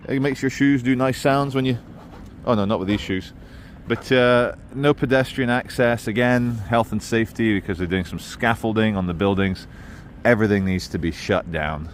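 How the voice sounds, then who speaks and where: A man's mid-pitched voice in an outdoor walking vlog, with some street noise behind it. He rambles along in an opinionated running commentary. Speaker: vlogger. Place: outdoors in a city, walking by a river. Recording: outdoor city and traffic noise.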